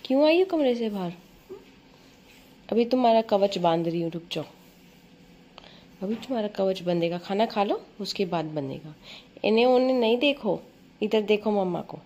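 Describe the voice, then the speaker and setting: A woman's voice: mid-range voice, animated, moderate pace, pauses often, mellow. A woman vlogging at home, scolding and coaxing her pet dog in a mix of stern and baby talk. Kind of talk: casual home vlog, talking to pets.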